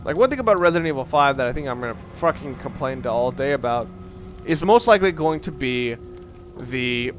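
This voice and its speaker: With an animated, brisk delivery in a mid-range voice, this let's play commentator rambles casually through his video game session, sweary and full of slang. Background noise comes through clearly.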